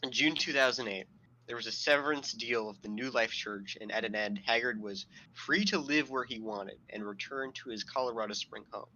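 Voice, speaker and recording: Man, bright sharp voice, podcast co-host, reads quotes aloud, sardonic, laughs a lot. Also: medium pitch, normal speed, lo-fi sound, slight background noise. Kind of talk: casual podcast chat.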